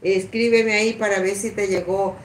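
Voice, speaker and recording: A woman's voice: medium pitch, steady tone, normal speed, distant mic. A woman hosting a casual livestream, greeting viewers by name with affectionate pet names, chatty and laughing often. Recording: echoey room with faint background noise.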